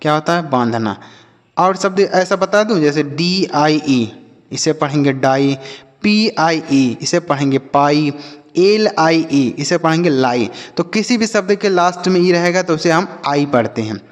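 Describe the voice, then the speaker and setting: A man patiently teaching children to read, spelling out letters slowly and asking and answering his own questions. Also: a little high, expressive, in a large hall. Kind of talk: English reading lesson for children.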